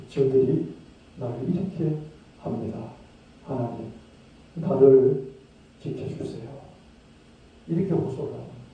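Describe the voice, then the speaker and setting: A man preaching a sermon as pastor, talking conversationally, asking his listeners questions, and acting out hushed pleading prayers. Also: fairly high pitch. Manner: conversational, asks the congregation rhetorical questions. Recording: distant, very echoey dull-sounding room.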